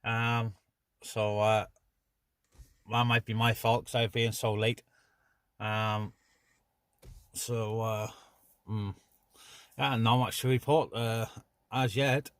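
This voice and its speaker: A man who vlogs and hosts a CB radio net rambles informally to the camera and the radio, a little hesitant, while standing outdoors on a hilltop by a car. He speaks low and flat, slowly with frequent pauses, in a slightly bright, smooth voice captured with studio quality and no room sound.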